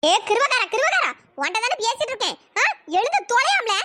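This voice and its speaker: A woman's voice: very high voice, sing-song, fast, sharp tone, dry recording, full character voice. A woman voicing a furious, cursing old mother-in-law in a cartoon. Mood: furious scolding. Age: older. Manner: shrieking, cursing, scolding. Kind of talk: cartoon voice acting.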